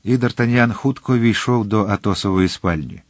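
Male narrator, low voice, measured storytelling, dry studio read. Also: dry recording. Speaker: audiobook narrator. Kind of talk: scripted narration.

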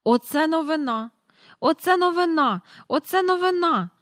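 An excitable middle-aged father, voiced by a woman reading aloud, bursting with exclamations in a storybook. The delivery is pitched high and loud, tumbling with breathless wonder. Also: normal speed, dry recording, studio quality. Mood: excited.

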